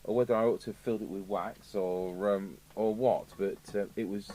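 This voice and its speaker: In a fairly low, mellow voice with fairly even intonation and normal speed, a man from the UK with an English accent rambles to himself at an indoor electronics repair workbench, like a radio repair technician. It's a low-quality recording, with clear background noise and an electrical hum.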